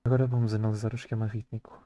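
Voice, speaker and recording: A man's voice: fairly low pitch, flat delivery, very fast, warm tone. A teenage boy from Portugal reading a poem aloud and then analysing its rhyme and metre for a school presentation, with careful, hesitant restarts.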